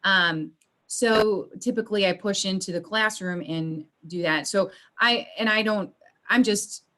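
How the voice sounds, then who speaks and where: A woman's voice: medium pitch, unhurried, bright, forceful tone. A woman working as a school social worker, talking in a rambling way with many restarts during a video meeting. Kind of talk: casual video meeting chat. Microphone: video call.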